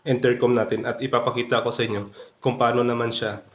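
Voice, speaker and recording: A man from the Philippines, speaking with a Filipino accent, does a casual product tutorial step by step and keeps talking to his viewers. His medium-pitched delivery is flat and brisk, recorded in a very echoey room with faint background noise.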